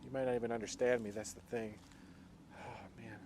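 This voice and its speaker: A man in the woods talks into a handheld camera, jumpy and nervous, swinging between hushed whispers and loud calls into the trees. His voice sits at a middle pitch, with faint outdoor ambience behind him. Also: little pitch movement, quick pace, vocal fry, background noise. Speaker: investigator filming in the woods. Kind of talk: handheld found-footage commentary.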